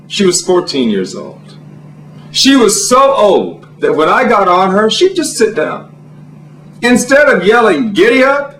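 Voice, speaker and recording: A man from Alabama performing a campy, theatrical comic monologue as a stand-up comedian. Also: fairly bright tone. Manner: campy, theatrical, swooping pitch for punchlines. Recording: roomy, a bit distant from the mic.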